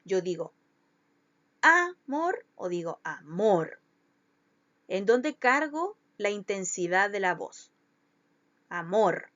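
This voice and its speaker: A woman's voice: mid-range voice, animated, measured pace, hardly any pauses, no room sound, dull audio. A woman schoolteacher, giving a recorded lesson to children and patiently stretching out syllables to show where the stress falls.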